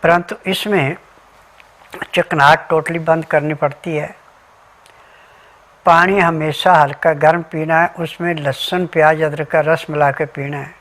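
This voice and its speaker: A man's voice: fairly high pitch, steady tone, unhurried, pauses often, fairly bright tone. A man giving an instructional health talk as a remedy advisor, methodically listing ingredients and diet rules step by step.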